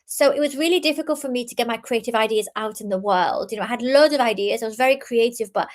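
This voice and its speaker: A young woman gives a talk on innovation, her voice pitched a touch high. She speaks earnestly, stumbling over restarts and leaning on filler ums as she explains her ideas. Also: fast talker. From Iran, raised in the UK. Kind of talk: talk presentation.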